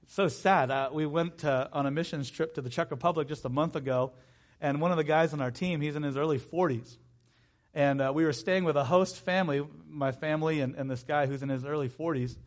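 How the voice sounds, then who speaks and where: A male preacher in his thirties with a high-pitched voice delivers an emphatic sermon, repeating phrases and dropping in chatty asides. He talks a little fast.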